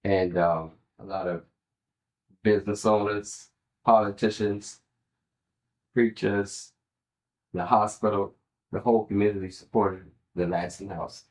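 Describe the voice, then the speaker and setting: A man's voice: on the low side, steady tone, unhurried, long pauses, darkish tone, low-quality recording. A man giving an oral history interview, sharing recollections as an interviewee.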